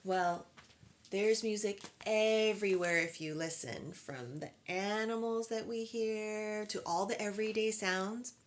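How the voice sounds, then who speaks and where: A woman reading aloud to young children as a preschool storytime host, in an expressive storytime voice. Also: medium pitch. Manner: storytime voice, slow and expressive with acted animal and object sounds.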